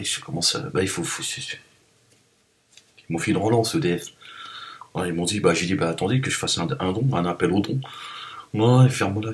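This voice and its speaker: A man's voice: deep voice, slight background noise. A man with a Parisian accent talking at home in a casual, joking, rambling vlog, with teasing asides. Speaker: vlogger. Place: home, cold room.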